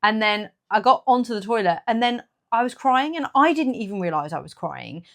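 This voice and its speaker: A woman's voice: fairly high pitch, expressive, a little fast. A woman in her forties who runs a small business, chatting casually and rambling in her own studio vlog, laughing at herself. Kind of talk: casual chat.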